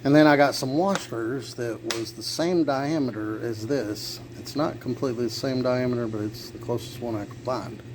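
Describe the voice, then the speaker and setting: A man's voice: mid-range voice, moderate pace, few pauses. Man narrating car repair over noise. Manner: plain-spoken, thinking aloud. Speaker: amateur car repair vlogger. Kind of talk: casual hands-on repair narration. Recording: clear background noise, vehicle ambience.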